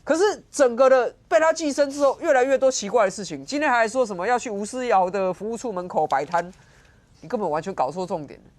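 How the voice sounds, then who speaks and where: A woman giving sharp, sarcastic political commentary as a guest on a TV talk show. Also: a little high, fast. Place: TV studio.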